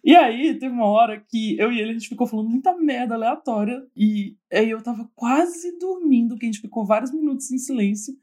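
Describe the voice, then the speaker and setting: A woman's voice: fairly high pitch, a little fast, hardly any pauses, mellow. A woman in casual chat, telling anecdotes with acted-out quotes and blunt slang. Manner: storytelling with acted-out quotes and swearing. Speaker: friend chatting.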